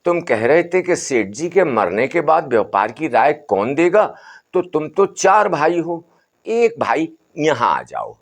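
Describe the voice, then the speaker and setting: A man playing old holy man, stern, wily, insistent, raised pitch, lively swings. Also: measured pace, heavily acted. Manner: insistent, repeating commands.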